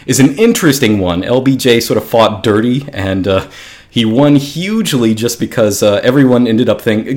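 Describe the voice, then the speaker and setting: A man giving a casual solo talk, thinking aloud with frequent fillers and self-corrections. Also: lowish voice. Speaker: podcast host.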